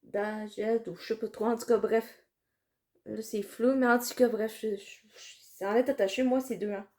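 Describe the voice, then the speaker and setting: Woman, Quebec French accent, mellow slightly high voice, rambling makeup vlogger. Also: steady tone, moderate pace. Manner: rambling, hesitant, many fillers and restarts. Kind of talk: casual makeup tutorial.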